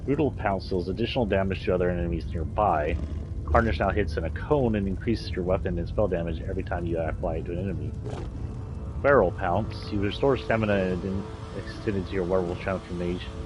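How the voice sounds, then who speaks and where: A man's voice: sits low, a little fast, over music, low-quality recording. A man giving casual gameplay commentary, thinking aloud as he weighs his choices. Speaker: video game streamer.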